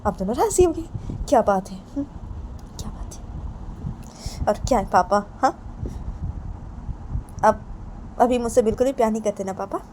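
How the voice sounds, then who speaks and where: A woman's voice: fairly high pitch, animated, moderate pace, long pauses, warm tone, slight background noise, natural voice. A woman voicing an upset young woman who pleads with her parents and keeps repeating reproachful questions.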